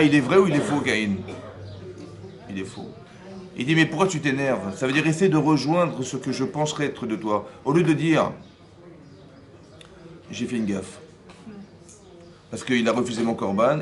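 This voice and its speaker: A man, a rabbi, giving a lively Torah class, often acting out dialogue and asking his listeners whether they follow. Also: mid-range voice, moderate pace, pauses often. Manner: acts out dialogue in first person.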